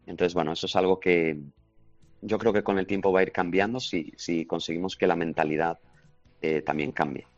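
A man's voice: low-pitched, fairly even intonation, a little fast, no room sound, soft background music. A man, answering interview questions as a language teaching expert, confident and explanatory. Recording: slightly dull lo-fi recording.

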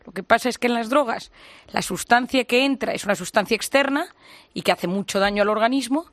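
A woman talks it through as a psychologist, her voice sitting fairly high. She leans on everyday examples and acts out short quotes. The sound is dry and close, with no room around it. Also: brisk, no room sound. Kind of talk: radio-style conversation.

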